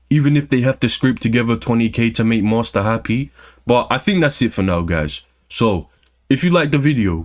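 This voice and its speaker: A young man ranting about gaming with a sarcastic, profane edge. His pitch swings widely, jumping high in mock outrage and then dropping low at the ends of his lines. He sounds casual and full of contempt. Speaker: gaming commentary youtuber. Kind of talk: ranting commentary.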